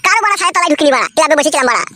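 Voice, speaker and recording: A crude, scheming young cartoon son-in-law who sulks and shirks, as a woman acts him out. His voice is pitched up and rattles along very fast, with steady noise behind him. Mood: sulky. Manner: sulky, crude. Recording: clear background noise.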